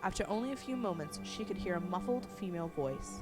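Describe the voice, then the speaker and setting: Lady telling a creepy campfire story, hushed and suspenseful, music behind. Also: on the low side, expressive, quick pace. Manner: suspenseful, hushed at tense moments. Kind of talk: dramatic horror story narration.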